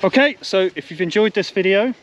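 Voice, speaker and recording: A man's voice: sits high, fairly quick, muffled recording. A man, chatting casually to camera in a blokey, colloquial way as a vlog host. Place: garage, fast-food restaurant and outdoor trail. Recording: music behind the voice.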